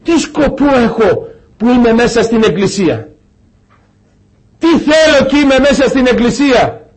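A man's voice: extremely high pitch, expressive, breathy edge. A man preaching a sermon to a church congregation, firing off one rhetorical question after another. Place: church service before a congregation.

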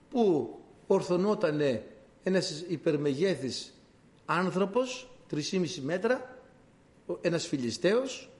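Animated male preacher. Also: a little high. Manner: animated storytelling, addresses listeners as dear brothers. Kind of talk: sermon.

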